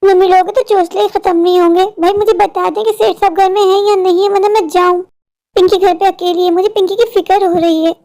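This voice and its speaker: A very high-pitched struggling poor sister. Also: female voice, steady tone, brisk, dark tone. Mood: pleading. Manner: pleading, worn-down and sorrowful. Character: poor young woman, worried older sister. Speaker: cartoon character. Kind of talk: Hindi cartoon voice acting.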